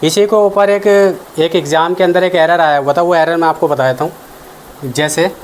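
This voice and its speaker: A man's voice: on the high side, fairly even intonation, normal speed, a little hiss or hum. A man giving an exam-prep grammar lesson as the teacher, explaining step by step and answering his own questions. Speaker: English teacher.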